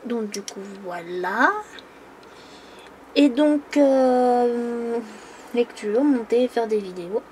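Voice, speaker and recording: Very slowly and with long pauses, a coloring YouTuber in her twenties from the Île-de-France region talks casually and hesitantly, with lots of fillers, as she colors at an indoor table. Her voice is fairly high and a little mellow, over slight background noise.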